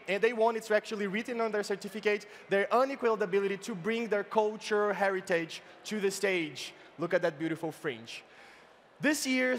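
A man giving a playful comic science talk on stage, halting often and filling pauses as he explains. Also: sits high, a little hiss or hum. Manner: playful, halting, with many fillers and restarts. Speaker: science slam presenter. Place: large event stage, indoors. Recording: reverberant live event hall.

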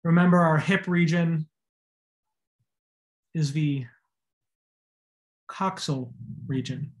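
Over slides, a man gives a recorded anatomy lecture, spelling out and repeating terms and stressing their pronunciation. His voice is on the high side, and he takes things slowly.

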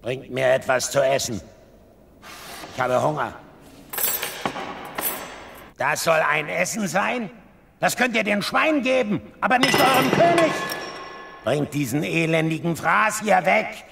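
Embittered king, grumbling, peevish, gravelly higher-pitched voice, Bible radio play. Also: expressive, measured pace, long pauses, in a large hall, noisy background. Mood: angry, imperious. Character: aggrieved, grumpy, embittered king Saul.

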